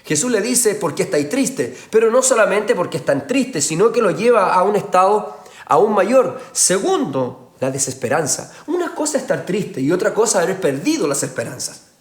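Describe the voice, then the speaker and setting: A man preaching a sermon as pastor, emphatic, moving between hushed passages and loud raised ones. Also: high voice, very animated, moderate pace. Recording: roomy echoey church sound.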